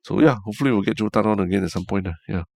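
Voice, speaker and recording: A man's voice: fairly low pitch, racing, creaky. A man with a Singaporean accent chatting casually as co-host of a podcast. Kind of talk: casual chat.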